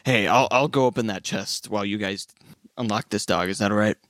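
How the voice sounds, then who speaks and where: A man's voice: on the low side, a little fast, a bit bright, no echo, clean studio sound. A man bantering playfully and informally as a player in a tabletop game.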